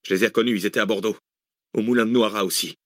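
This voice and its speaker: A man's voice: on the low side, steady tone, racing, fairly bright tone, no echo, studio quality, natural voice. A man voicing a tense young man driving a getaway car, calling out clipped, urgent lines in a thriller audiobook. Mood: calm.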